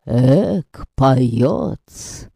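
A man's voice: mid-range voice, lively intonation, drawn-out words, gravelly, warm tone, husky, no echo, studio quality, pitched below the performer's own voice, heavily acted. A man voicing a crude, cheeky man heckling from the audience in a storybook reading. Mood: mocking. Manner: blunt, mocking heckles. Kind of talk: audiobook character voice.

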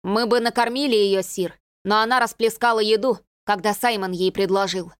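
A woman's voice: mid-range voice, fairly even intonation, moderate pace, clear, resonant tone, no room sound, studio quality, natural voice. A woman reading the part of a stony, scornful knight in an audiobook. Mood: cold. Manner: cold, dismissive.

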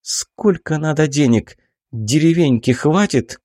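A willful young noblewoman, proud and impassioned, as a male narrator raises his voice to play her. She stretches her exclamations out in an imperious, lilting line. The voice is lifted high above his usual register, in a dry close recording. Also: lively intonation, takes it slowly, dark tone, no room sound, heavily acted. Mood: resigned. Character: young baroness, headstrong, passionate, haughty. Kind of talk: audiobook character voicing.

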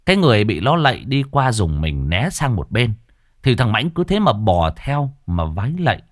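A man's voice: fairly low pitch, very animated, moderate pace, no echo. Man, ghost story narrator, dramatic, dry close sound. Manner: dramatic, vivid storytelling with earthy humor.

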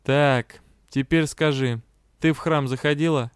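A man's voice: a little high, fairly even intonation, a little slow, smooth, dry recording, natural voice. A man voicing a sardonic male lord and master of death magic with a dry, mocking manner.

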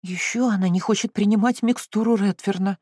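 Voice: medium pitch, steady tone, brisk, darkish tone, dry recording, clean studio sound, voice pushed up, natural voice. A reader voicing an anxious female cousin who moans and whimpers her worries in an audiobook. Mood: whiny. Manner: moaning, whimpering. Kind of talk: audiobook reading.

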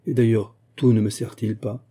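Fallen statesman, solemn and low, read by a man in an audiobook. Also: flat delivery, normal speed, mellow, slightly rough. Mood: grave. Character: Fouquet, weary fallen male minister, grave.

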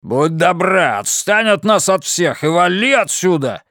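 A rude, hot-tempered deputy police chief, voiced by a male narrator in an audiobook. He snaps out his words gruffly in a raised, lively voice. The recording is close and dry. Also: fairly high pitch, moderate pace, no echo, pitched above the performer's own voice. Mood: angry. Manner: gruff, snapping.

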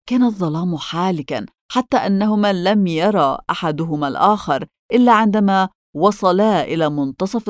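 A woman reads a storybook aloud in a steady, expressive voice. Her voice sits somewhat low for a woman. The recording is dry and close, with no room sound. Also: no echo. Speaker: audiobook narrator. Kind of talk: storybook narration.

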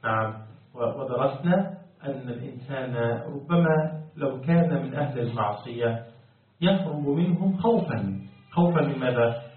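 A man teaches a Quran commentary lesson. He keeps quizzing his students and chants the verses. His voice comes from far off in a booming echo through a thin, phone-like line. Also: lively intonation, normal speed, long pauses. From Egypt. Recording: very echoey, distant, phone-like sound.

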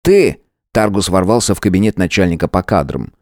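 Низкий мужской голос чтеца. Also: male voice, deep voice, no room sound, studio quality. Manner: steady, measured reading. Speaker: audiobook narrator. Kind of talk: scripted narration.

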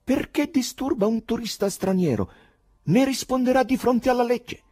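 A man voicing a sly, fawning male choirmaster in an audiobook reading, with a husky, wheedling and mocking voice. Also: very high voice, normal speed, darkish tone, dry recording, studio quality, voice pushed up. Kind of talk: audiobook narration.

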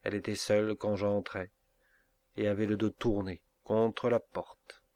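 A man reading a classic novel aloud as a first-person narrator, in a measured, dramatic way. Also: lowish voice, flat delivery, mellow. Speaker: audiobook reader. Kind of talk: literary audiobook narration.

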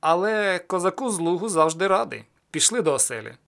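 A man voicing a calm, teasing cossack sorcerer in an audiobook, raised and loud when he dares his guest. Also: high-pitched, brisk, vocal fry, full character voice. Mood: gruff.

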